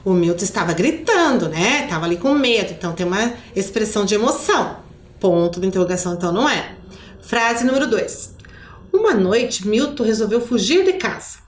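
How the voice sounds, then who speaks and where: A woman's voice: medium pitch, lively intonation, fairly quick. A woman with a Brazilian accent from Curitiba, a primary school teacher giving a video lesson for children, patient and didactic, speaking straight to the pupil with fond diminutives. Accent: Brazilian Portuguese, Curitiba. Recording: echoey room with faint background noise.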